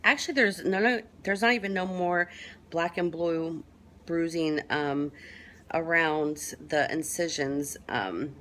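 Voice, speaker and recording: A woman's voice: low-pitched, takes it slowly, a bit bright, a little hiss or hum. A woman giving a casual, rambling update to camera, chatting with lots of fillers. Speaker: vlogger.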